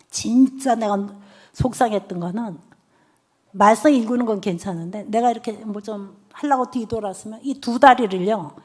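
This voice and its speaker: A middle-aged woman giving a church testimony sermon, telling classroom stories with lively acted-out dialogue and soft, hushed asides. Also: mid-range voice, breathy edge. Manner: lively storytelling, acting out children's and her own lines; drops to soft near-whispers for tender lines. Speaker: church deaconess speaker.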